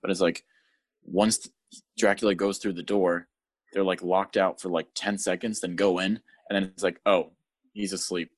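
A man's voice: low voice, moderate pace. Laughing young man in casual chat. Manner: laughing, animated retellings of scenes. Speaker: podcast co-host. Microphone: audio-only podcast mic.

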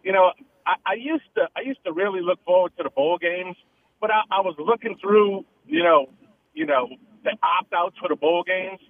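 A man calling in to a radio show over the phone, talking in a halting way with many stammered restarts. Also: sits high, dry recording. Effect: heard over the phone line. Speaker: radio caller. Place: on his porch. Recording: tinny phone line.

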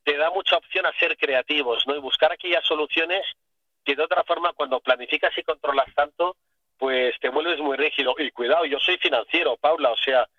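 A man's voice: a little high, brisk, dry recording. A man from Catalonia, a finance professional calling into a radio show, talking enthusiastically and at length. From Catalonia, Spain. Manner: enthusiastic, expansive, repeats praise. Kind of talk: casual radio chat. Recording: dull dry phone line.

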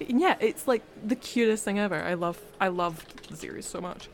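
A woman's voice: medium pitch, moderate pace, soft background music. Giggly woman chatting about books. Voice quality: giggly, enthusiastic, laughs often. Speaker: podcast co-host. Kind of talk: casual book chat.

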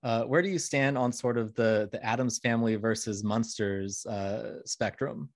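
A man's voice: medium pitch, fairly even intonation, normal speed, no echo, studio quality. A man hosting a casual podcast interview, asking questions and chatting with many hesitations. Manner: chatty, hesitant with fillers, laughs easily. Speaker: podcast host.

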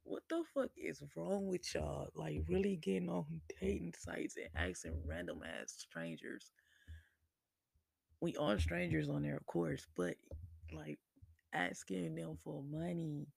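A man hosting a podcast, chatting casually and laid-back, swearing freely and laughing often, with a gravelly, husky voice. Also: a little high, lively intonation, measured pace, darkish tone, dry recording. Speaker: podcast host. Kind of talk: casual solo chat.

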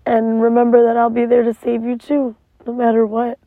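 A woman's voice: a little high, completely flat delivery, normal speed, dry recording. Tinny, phone-like recording of a rambling woman. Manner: rambling, emotional, frequent swearing. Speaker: vlogger. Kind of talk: casual confessional monologue. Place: inside a parked car in the rain.

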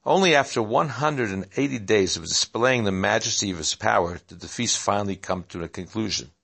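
Gravelly guy reading a story out loud, steady, trips over a word now and then. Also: lowish voice, fairly quick. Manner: steady, with small slips and restarts.

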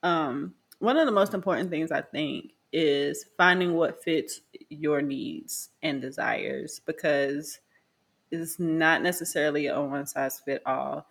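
Low-voiced, frank woman podcast host. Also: a little slow, gravelly, husky. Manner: frank, laid-back, loose with fillers and laughs. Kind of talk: casual podcast chat. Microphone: video call.

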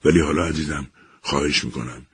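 A man voicing a calm, firm scientist who speaks in a measured, soothing way. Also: very deep voice, a little hiss or hum.

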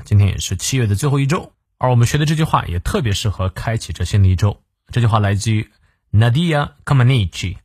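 A man's voice: medium pitch, a little mellow, husky, no room sound, studio quality. A man hosting a short daily English lesson, reading a quote and explaining it phrase by phrase. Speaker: English teacher.

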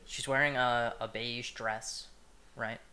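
A man's voice: mid-range voice, level tone, slow, sharp tone, smooth. A young man co-hosting a casual podcast, telling a rambling, profane story with many restarts. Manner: rambling, repeats himself, swears freely. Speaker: podcast co-host.

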